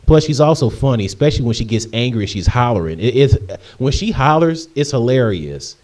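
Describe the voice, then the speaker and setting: A man's voice: mid-range voice, expressive, brisk, a little mellow. A man in his late twenties from Michigan, casually answering viewer questions in a chatty, rambling way with frequent ums and restarts. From Michigan, USA. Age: 20s. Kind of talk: casual Q&A vlog.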